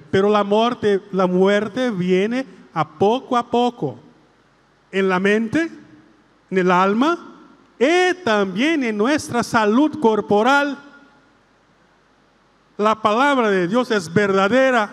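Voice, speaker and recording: A man preaching a sermon as a priest, in slow, deliberate phrasing broken into short pieces. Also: very high-pitched, fairly bright tone, big-room sound.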